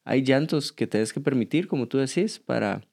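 A calm podcast co-host at a middle pitch, mostly answering with brief agreement before reflecting on a point at an unhurried pace. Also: creaky. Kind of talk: casual reflective chat.

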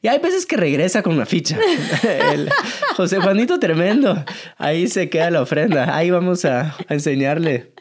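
Lively Guatemalan man, high voice. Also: normal speed. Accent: Guatemalan Spanish. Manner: lively, explaining, laughs often. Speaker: podcast co-host, father, church member. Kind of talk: casual podcast chat.

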